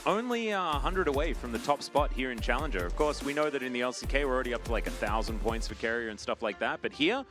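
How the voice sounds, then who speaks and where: A man's voice: medium pitch, animated, quick pace, few pauses, music in the background. A man in his thirties, an esports caster who jokes his way through casual commentary. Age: 30s. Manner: easygoing, joking.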